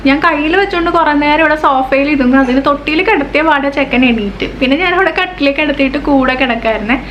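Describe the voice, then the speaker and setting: A woman vlogger and mother chatting to the camera at home in a relaxed, chatty way. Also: high-pitched, fast talker, muffled recording. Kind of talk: casual chat to camera at home. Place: room at home. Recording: echoey home room with faint hiss.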